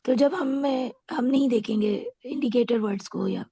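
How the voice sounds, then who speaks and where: A woman's voice: a little high, normal speed, creaky, mellow, breathy edge, dry recording. A woman student on a video call asking a question politely and a little hesitantly, mixing English and Urdu. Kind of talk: asking questions in online class.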